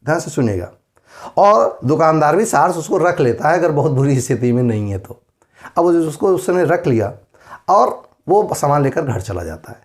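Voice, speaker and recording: Male tutor, slightly high voice, conversational exam-prep lecturing, frequent check-ins with students. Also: very animated, moderate pace. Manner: explanatory, asks rhetorical questions, everyday examples. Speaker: teacher.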